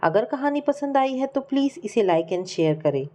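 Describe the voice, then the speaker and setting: Lady reading a family story, steady and expressive, soft mellow sound. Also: high-pitched, unhurried, slight background noise. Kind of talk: scripted story narration.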